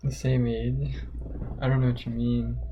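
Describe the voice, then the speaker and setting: A man's voice: medium pitch, flat delivery, unhurried. A nineteen-year-old college freshman chatting casually while playing a game, rambling through stories for a young viewer. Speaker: gaming channel host. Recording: dull lo-fi mic with noise.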